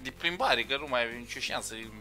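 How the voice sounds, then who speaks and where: A man's voice: medium pitch, animated, over music. A man in his twenties from Romania, chatting casually with friends while streaming a driving game, joking around. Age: 20s. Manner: joking, bursts into mock French and broken English. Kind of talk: casual gaming chat with friends.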